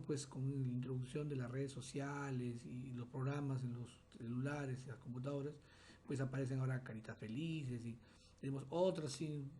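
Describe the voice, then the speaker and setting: A man's voice: medium pitch, warm tone, slight background noise. A man giving a class lecture, explaining step by step and sometimes restarting a phrase.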